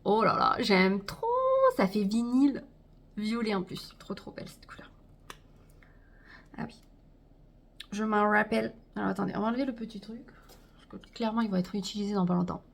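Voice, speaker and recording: A woman's voice: mid-range voice, steady tone, brisk, creaky. A woman chatting casually to her viewers as she unboxes a makeup haul, talking to them directly and trailing off with fillers. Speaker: beauty vlogger.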